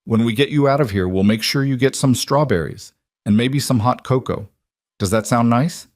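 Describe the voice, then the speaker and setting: A man voicing a huge, gentle man, exhausted but determined, talking steadily and softly. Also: mid-range voice, normal speed, no echo, clean studio sound, lightly acted.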